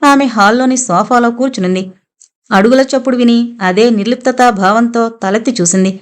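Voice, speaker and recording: Steady woman audiobook narrator. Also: fairly high pitch, brisk. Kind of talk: scripted novel narration.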